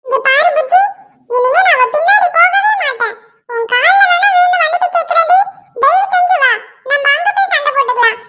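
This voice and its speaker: A woman's voice: very high voice, expressive, fairly quick, bright, forceful tone, full character voice. A woman voicing a henpecked male lizard who coaxes and pleads with his wife in a cartoon. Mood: pleading. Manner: pleading, coaxing. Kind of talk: cartoon voice acting.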